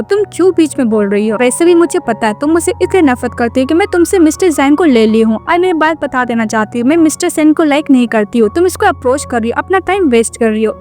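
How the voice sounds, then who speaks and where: High-voiced woman recapping a drama. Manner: retells dialogue in a steady run of "she says that" phrases, mixing in English words. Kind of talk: casual storytelling recap of a drama.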